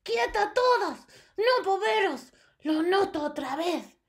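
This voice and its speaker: A woman's voice: extremely high pitch, slow, voice pushed up, heavily acted. Shrieking witch, voiced by a woman sniffing the air. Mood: alarmed. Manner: shrieking, excited. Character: shrill panicky female witch sniffing the air. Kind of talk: storybook reading.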